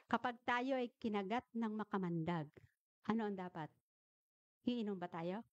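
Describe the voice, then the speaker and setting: A woman giving an animated talk to an audience, asking questions and telling anecdotes. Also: medium pitch, moderate pace, no room sound. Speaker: health speaker at a church gathering. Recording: dull, slightly muffled recording.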